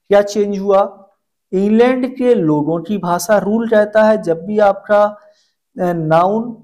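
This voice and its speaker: A woman with a Hindi accent gives a classroom-style English grammar lesson, explaining each step and turning questions back to the learner. Her voice is lowish and warm.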